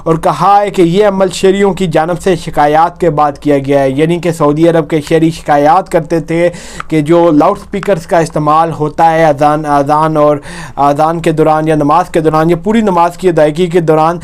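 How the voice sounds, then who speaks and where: A man with a Pakistani accent gives a news report mixed with commentary, explaining as he goes and often rephrasing or repeating his points. His voice is fairly high for a man, clean, smooth, and a little mellow. He speaks at a normal pace with fairly even intonation.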